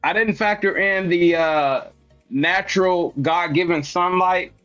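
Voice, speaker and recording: A man's voice: high voice, measured pace, a bit bright, faint music behind. Man on a lo-fi phone stream. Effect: lo-fi live stream audio over a phone, cutting out. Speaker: guest. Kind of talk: casual chat. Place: outdoors on a porch.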